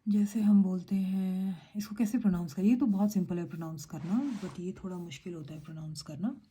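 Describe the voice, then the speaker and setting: A woman's voice: fairly low pitch, expressive, fast talker, mellow, slightly rough. A woman teaching a Korean lesson in a patient, explaining way, switching between Hindi and English. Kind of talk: casual online lesson.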